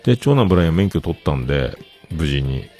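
A man's voice: very deep voice, sing-song, quick pace, dark tone, soft background music. A middle-aged man hosting a show, chatting casually as he tells family stories and acts out other people's lines. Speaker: host. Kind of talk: casual storytelling monologue.

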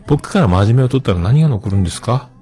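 A man's voice: medium pitch, lively intonation, fast, dark tone. A man hosting a show, chatting casually on his own in a rambling, self-joking way. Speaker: host. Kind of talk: casual solo chat.

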